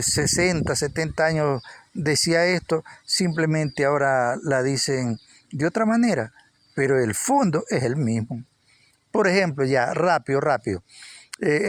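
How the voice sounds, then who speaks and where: A man preaching an informal Bible teaching, repeating words for emphasis. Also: fairly high pitch. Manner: repeats words for emphasis, rising with energy at points.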